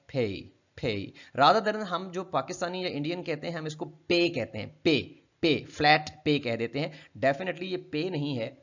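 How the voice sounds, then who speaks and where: A man's voice: on the high side, fairly bright tone. Man lecturing on phonetics, lo-fi sound. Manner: explanatory, asks and answers his own questions, demonstrates sounds slowly. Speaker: linguistics lecturer. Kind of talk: explaining a textbook chapter in a recorded lecture. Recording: dull lo-fi lecture recording.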